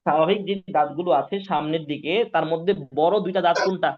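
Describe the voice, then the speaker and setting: High-voiced guy teaching quran pronunciation, patient, repeats a lot, muffled lo-fi audio. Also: steady tone, fast. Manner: patient, repetitive, asks students if they follow. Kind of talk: live online pronunciation class. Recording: dull lo-fi sound.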